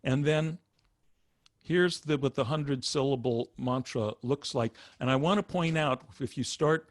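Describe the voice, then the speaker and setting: A man teaching meditation, explaining in an unhurried, patient way. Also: medium pitch, no room sound. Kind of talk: instructional talk.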